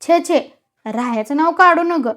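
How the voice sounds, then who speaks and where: Storybook village brute, loud blustering threats, high voice played by a woman reader. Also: unhurried. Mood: grumbling. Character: fierce hot-headed village strongman with an axe. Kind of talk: storytelling reading.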